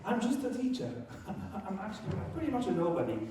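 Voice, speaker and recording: A German-born teacher runs a workshop in a conference room, cracking self-deprecating jokes between points. His fairly high, dark-toned voice swoops wildly in pitch at a fairly quick pace. It rings around the very echoey room and is picked up from a distance over faint noise.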